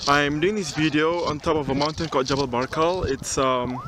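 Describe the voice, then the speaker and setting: A young man recording a casual video cover letter outdoors on a mountain top, relaxed and chatty, with frequent ums and restarts. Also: a little high, brisk. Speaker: job applicant. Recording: outdoor recording with clear background noise.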